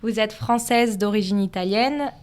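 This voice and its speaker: A woman's voice: medium pitch, normal speed. A woman interviewer politely asking prepared questions.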